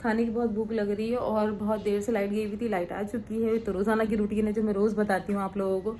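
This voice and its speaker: A woman's voice: medium pitch, little pitch movement, fast talker, warm tone, slight background noise, rough recording. A woman in her thirties, a mother, chatting casually to the camera about her day. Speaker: vlogger, mother. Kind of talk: casual home vlog chat.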